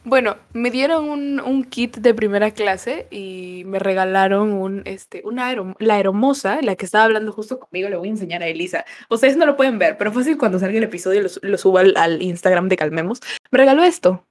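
A young woman co-hosting a casual podcast, telling stories in an animated way and laughing often. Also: medium pitch, brisk, few pauses. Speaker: podcast co-host.

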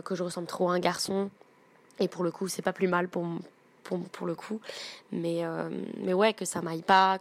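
A woman giving a personal testimony on a podcast in a hesitant way, with many fillers and restarts. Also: fairly low pitch.

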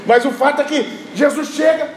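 High-voiced, animated preacher. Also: male voice, normal speed. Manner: animated, often shouting, acts out biblical scenes with humor. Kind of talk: lively sermon. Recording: echoey hall, faint background noise.

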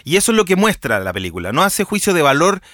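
A man's voice: on the high side, fast, no echo, clean studio sound. A Chilean man co-hosting a podcast, chatting casually about films and acting out characters' lines as he retells scenes. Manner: animated storyteller, acts out characters' lines. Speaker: podcast co-host.

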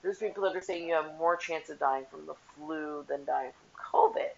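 A woman's voice: sits low, moderate pace, vocal fry, a little mellow. A woman and mother ranting casually to camera, blunt and profane, rambling with lots of "like". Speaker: vlogger, mother. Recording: dull lo-fi audio.

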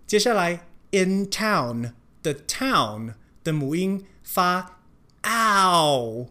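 An English pronunciation teacher giving a language lesson, explaining in Mandarin and modeling English words slowly and repeatedly. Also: mid-range voice, lively intonation, sharp tone. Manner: switches between Mandarin explanation and English examples.

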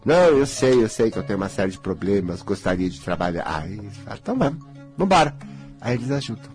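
A man's voice: on the low side, lively intonation, quick pace, a little mellow, soft background music. A man in his sixties from Brazil, a spiritual healer talking casually and bluntly, acting out the voices of others. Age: 60s.

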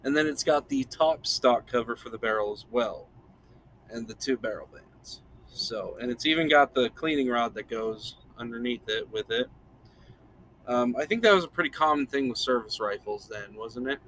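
A male podcast host talking casually at a middle pitch, laid-back and rambling. He chuckles often. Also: moderate pace, fairly bright tone, a little hiss or hum. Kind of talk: casual chat.

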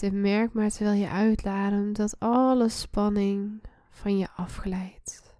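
Female meditation guide: hushed, soothing, breathy half-whisper, unhurried pace, close dry sound. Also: medium pitch, dry recording. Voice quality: soft, breathy, often slipping into a whisper. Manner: soothing, hushed spa-like delivery with pauses. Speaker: guided meditation podcast host. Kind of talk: slow guided relaxation meditation.

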